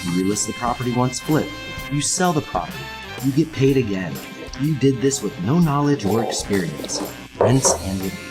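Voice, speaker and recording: A man's voice: medium pitch, expressive, moderate pace. A man reading a scripted ad in short, punchy, upbeat lines. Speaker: ad voice-over. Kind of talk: scripted ad narration. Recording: voice-over with loud music. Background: guitar music.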